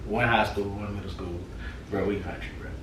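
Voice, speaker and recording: A man's voice: fairly low pitch, steady tone, fairly quick. A young man from near Houston, Texas, chatting as a podcast guest, easygoing and emphatic with frequent laughs. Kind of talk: casual chat. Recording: echoey room, mic at a distance, faint noise.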